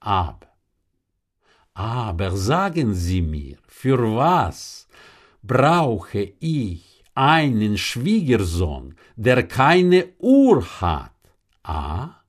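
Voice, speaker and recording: Man voicing a shrewd old traveler, sighing, deliberate, very slow, pitch swinging widely. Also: wildly swooping pitch, heavily acted. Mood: knowing. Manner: sighing, deliberate explanations with rhetorical questions.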